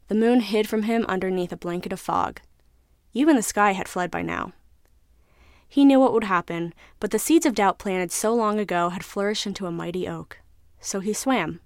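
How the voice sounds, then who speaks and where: A woman narrating a scripted story in a measured, even way. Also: medium pitch, no echo, studio quality.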